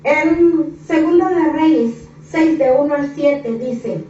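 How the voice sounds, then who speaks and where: A woman with a high voice preaches an impassioned sermon, stacking rhetorical questions and repeated phrases. She is heard from a distance across a very echoey church hall. The recording is dull and lo-fi, with a faint hiss underneath. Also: slow, warm tone.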